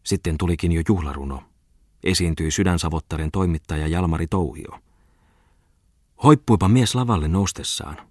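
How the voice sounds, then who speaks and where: Man, audiobook narrator, measured storytelling, low voice, dry booth sound. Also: no room sound. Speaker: audiobook reader.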